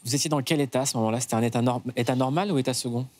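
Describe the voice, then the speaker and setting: A man's voice: mid-range voice, racing. A man interviewing a guest. He asks short questions, sums up and prompts.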